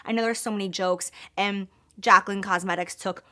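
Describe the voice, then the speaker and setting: A young woman beauty YouTuber presenting her own product launch, emphatic and gushing, filling her talk with "like" and squealing when excited. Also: medium pitch, moderate pace. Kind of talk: excited product reveal vlog.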